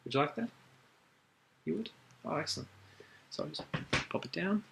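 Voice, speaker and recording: A man doing an ASMR role-play as a librarian, chatting gently and recommending things in an unhurried way. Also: on the high side, animated, gravelly, slight background noise. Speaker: ASMR performer playing a librarian.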